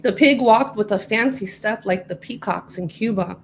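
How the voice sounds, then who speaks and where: A middle-aged woman reading her own storybook aloud with clear, careful narration. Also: mid-range voice, normal speed, a little hiss or hum, rough recording. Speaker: author reading her book.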